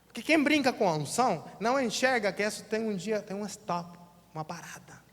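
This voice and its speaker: A man's voice: high voice, lively intonation, fairly quick. A man with a Brazilian accent preaching a sermon as pastor in a church, colloquial and acting out quotes in different voices. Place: church sanctuary. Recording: long church reverb.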